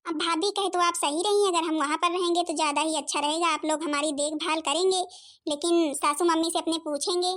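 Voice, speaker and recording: Cheerful cartoon daughter. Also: female voice, extremely high pitch, steady tone, fairly quick, a bit bright. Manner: cheerful, coy. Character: happy young married daughter, expecting a baby. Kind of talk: cartoon comedy voice acting.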